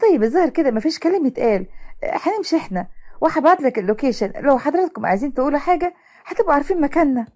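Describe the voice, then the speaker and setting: A woman's voice: high voice, sing-song, racing, mellow, voice pushed up. A woman voicing a bitter young female doctor who speaks coldly and sarcastically, with an Egyptian accent. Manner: cold, cutting, sarcastic.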